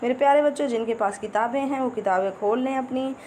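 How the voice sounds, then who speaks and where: A patient woman teaches young children a Hindi lesson online, repeating each word and chanting the rhyme slowly. Her voice sits a little high. A faint hiss runs under the recording. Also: dark tone. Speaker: primary school teacher.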